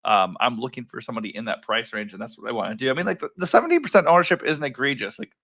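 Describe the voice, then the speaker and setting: A man with a worn, rough voice hosting a casual solo breakdown of fantasy sports picks, relaxed and rambling, correcting himself with lots of ums. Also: mid-range voice, racing. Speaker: fantasy sports analyst host.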